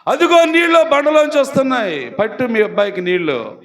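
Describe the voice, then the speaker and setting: A gentle, reassuring divine voice comforts a weeping mother and tells her to rise, as a male preacher speaks the part in a sermon. The tone stays calm and steady throughout. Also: extremely high pitch, a little fast. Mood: comforting. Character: all-knowing God comforting a weeping mother.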